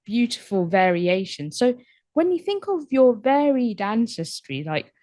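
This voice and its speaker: A woman podcast host asking questions in a warm, chatty way, full of likes and you knows. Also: fairly high pitch, big pitch swings, a little slow, dry recording, clean studio sound. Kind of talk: podcast interview.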